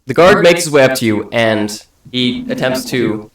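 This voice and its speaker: A man's voice: medium pitch, animated, moderate pace, echoey room, rough recording. A man improvising narration and calling for rolls as the game master of a tabletop fantasy game.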